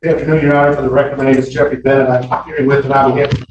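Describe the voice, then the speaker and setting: A man's voice: medium pitch, level tone, darkish tone, dull audio. A man speaking as a defense attorney, arguing insistently before the judge on a courtroom recording. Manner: argumentative, quick and insistent. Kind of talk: courtroom argument. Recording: echoey courtroom recording from a distant mic with faint hiss.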